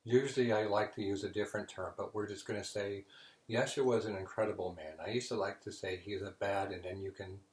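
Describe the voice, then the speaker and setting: Brief: low-voiced man hosting a spiritual session, relaxed storyteller, echoey room. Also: a little fast. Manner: relaxed storytelling, joke-telling. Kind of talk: casual spiritual talk.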